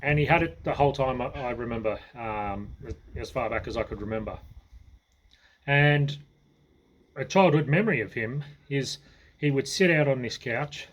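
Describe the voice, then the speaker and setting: A man's voice: mid-range voice, moderate pace, lo-fi sound. An Australian man telling a family story in a casual, rambling way, full of asides and restarts.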